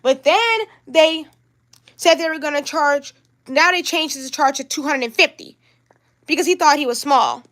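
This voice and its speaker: Brief: young woman, high voice, upset rambling livestream vlogger. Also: moderate pace, fairly bright tone. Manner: upset, rambling, repeats herself. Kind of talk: livestream vlog talk.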